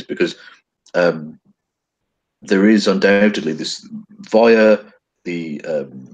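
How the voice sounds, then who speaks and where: A man talking haltingly over a video call whose connection keeps breaking up. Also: a bass voice, slightly rough, dull audio. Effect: breaking-up internet call connection. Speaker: guest commentator. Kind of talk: casual online discussion over a video call.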